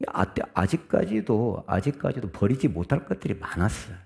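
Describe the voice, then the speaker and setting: A middle-aged man preaching a Sunday sermon in a low voice. His tone is dark and mellow, and he swings from quiet, earnest explanation to sudden loud calls. Now and then he stops to read scripture aloud with the congregation. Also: lively intonation, moderate pace, vocal fry. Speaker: pastor.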